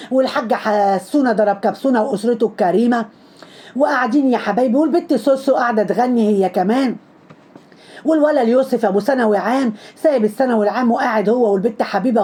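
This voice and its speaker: A high-voiced woman with an Egyptian accent tears through her lines at breakneck speed. Her tone is dark and mellow, yet every line scolds and mocks. She hammers each jab home with repetition in a sarcastic commentary style. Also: fast talker, husky. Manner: scolding, mocking, heavy repetition. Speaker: social media commentator. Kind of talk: sarcastic commentary on trending videos.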